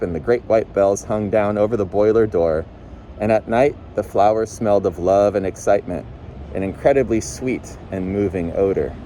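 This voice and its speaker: A volunteer narrator reads a novel aloud, audiobook-style, in a low, dark-toned male voice. He's outdoors on a city street, with faint traffic and street ambience, including passing vehicles, audible in the background.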